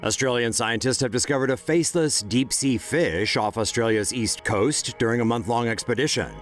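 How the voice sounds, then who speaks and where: A man's voice: medium pitch, normal speed, soft background music. A man narrating scripted news stories in a wry, playful way.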